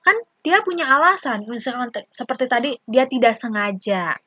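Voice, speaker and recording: A woman's voice: a little high, expressive, moderate pace, bright, forceful tone, dry recording. A young woman teacher with an Indonesian accent, patiently explaining a lesson to young children and acting out short example dialogues.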